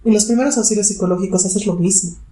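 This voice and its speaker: Woman, psychologist guest, quick pace, roomy echo. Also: medium pitch, noisy background. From Bolivia. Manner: explains with vivid examples. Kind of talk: interview answers.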